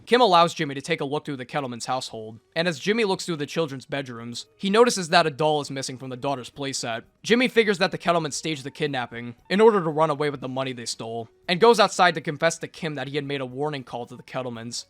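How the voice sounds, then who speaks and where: Fast-talking young man recapping a show. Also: a little high, expressive, fairly bright tone, dry recording. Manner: sarcastic, joking asides. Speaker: video reviewer. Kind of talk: fast scripted recap narration.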